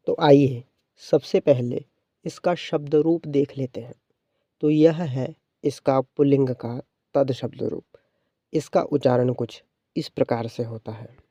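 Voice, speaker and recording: A man teaches a grammar lesson at an unhurried pace, drawing out each word form as he recites it. His voice is deep, mellow and dark. The recording is dull, lo-fi and dry. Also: dry recording. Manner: measured, drawn-out recitation of forms. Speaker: Sanskrit teacher. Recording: dull, lo-fi sound.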